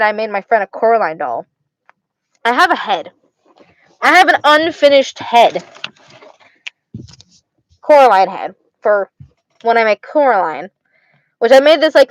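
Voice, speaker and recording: On a stream, a young woman from Arizona talks casually with her viewers in a fairly high voice, stumbling, slurring and saying things more than once. The poor-quality recording has no room sound.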